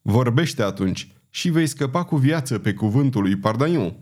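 A daring knight gives orders in a firm, dark voice, as a male audiobook reader plays him. His pitch moves freely and his words carry sharp, sarcastic authority. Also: lively intonation, natural voice. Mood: stern. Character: daring swashbuckling male knight, stern and commanding.

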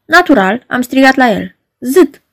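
A woman's voice: sits high, sing-song, a bit bright, full character voice. A woman voicing a young secretary who is sobbing, frantic and slightly nasal from crying. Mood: breathless.

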